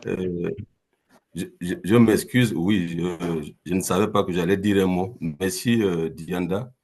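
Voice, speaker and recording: A man's voice: low voice, takes it slowly, darkish tone, slight background noise. A man from Gabon speaking off the cuff as a guest on a video call, hesitant and repeating words. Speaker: company founder, Zoom guest. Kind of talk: unprepared remarks on a video call.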